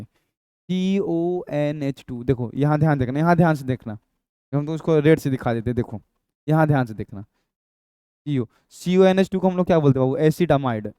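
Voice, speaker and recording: A male chemistry teacher gives an exam-prep lecture, coaxing students along, repeating himself and answering his own questions. The voice is slightly high, smooth and mellow, recorded dry and close without any room sound.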